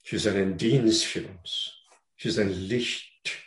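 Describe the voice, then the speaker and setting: A low-pitched man delivers a sermon in German, not his native language, speaking slowly and deliberately. He restarts, repeats words, and turns questions back on his listeners. The room is reverberant, leaving a clear echo around his voice.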